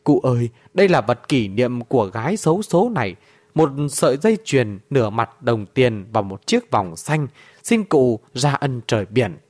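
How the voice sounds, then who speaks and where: A man's voice: medium pitch, lively intonation, normal speed, a little mellow, natural voice. A man voicing a desperate pleading young mother. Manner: pleading, sobbing. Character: young wife just after childbirth, desperate and grieving.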